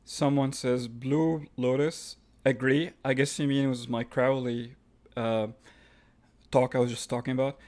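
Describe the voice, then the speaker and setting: Unhurried and a little mellow, this medium-pitched male voice keeps a fairly even intonation. The speaker, an Egyptian man with a matching accent, hosts a live stream, voicing viewer questions before replying casually amid fillers and restarts.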